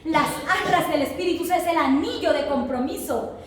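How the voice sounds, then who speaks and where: A woman's voice: high-pitched, moderate pace, slight background noise. A woman preaching a sermon with call-and-response, emphatically asking the congregation to repeat her words. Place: church hall. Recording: very echoey hall, voice from far off. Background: congregation answering.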